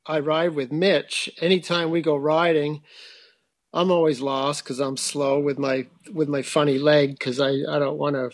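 A man's voice: on the high side, flat delivery, a little slow, dry recording. A middle-aged man, a frame-building teacher, explaining his work thoughtfully in a conversational interview, with hesitant restarts.

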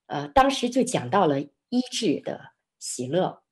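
Middle-aged woman guest, husky voice, sweeping intonation, vivid storyteller. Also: lowish voice, unhurried. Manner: expressive, lively storyteller who laughs often. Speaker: interview guest. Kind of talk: animated testimony storytelling.

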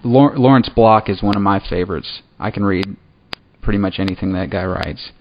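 A man hosting a casual interview, relaxed and hesitant, often restarting his sentences. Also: fairly low pitch, a little fast. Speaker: interview host. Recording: muffled lo-fi audio with faint noise.

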